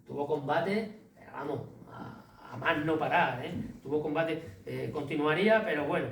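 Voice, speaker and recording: A man with a Spanish accent from Spain giving an animated, colloquial talk to an audience, reciting verse and tossing in tag questions. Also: fairly high pitch, normal speed, gravelly. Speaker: author giving a public talk. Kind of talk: lively informal lecture. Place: hall with a large audience. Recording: echoey hall, distant mic, faint noise.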